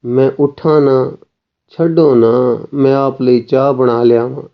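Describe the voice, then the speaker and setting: A man's voice: medium pitch, fairly even intonation, a little slow, muffled recording, natural voice. A man reading a remorseful devoted young woman.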